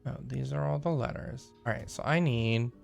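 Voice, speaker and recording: A man streams a mystery game and reads its letters aloud in a gravelly, mid-pitched voice. He stumbles over words and corrects himself, stopping often for small asides to his viewers. Soft game music plays faintly behind him. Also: moderate pace. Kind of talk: live gameplay commentary and reading in-game letters aloud.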